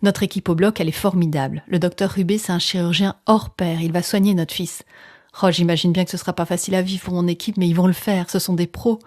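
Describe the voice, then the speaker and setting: A woman telling an intimate personal story in the first person, using dramatic pauses, sometimes dropping close to a whisper and acting out what others said. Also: fairly low pitch, steady tone, a little mellow, dry recording.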